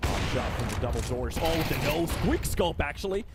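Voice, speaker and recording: A man's voice: fairly high pitch, big pitch swings, fairly quick, heavy background noise. A man doing casual live esports commentary and chatting with his viewers. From Finland. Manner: casual, chatty, talks to chat between plays. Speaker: esports caster.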